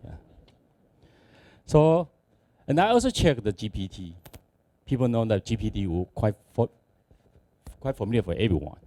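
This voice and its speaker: A man from Taiwan with a Taiwanese accent, speaking non-native English haltingly as he gives a conference presentation. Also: lowish voice, very animated, dark tone, no room sound. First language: not English. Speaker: conference speaker, company executive.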